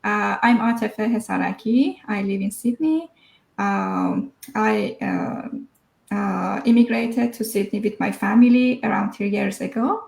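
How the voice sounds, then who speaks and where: A woman's voice: medium pitch, measured pace, creaky, a little mellow, echoey room, poor audio. A woman in her thirties from Iran, a guest telling her story over a video call, hesitant with many fillers. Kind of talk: online interview.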